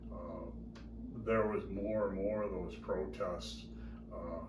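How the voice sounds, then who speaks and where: Older American man, low voice, halting interviewee who repeats himself, distant and roomy. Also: fairly even intonation. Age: 70s or older. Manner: halting, often repeats words. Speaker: interviewee, grandfather and war veteran. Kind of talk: reflective interview talk. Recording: roomy, distant mic with clear noise.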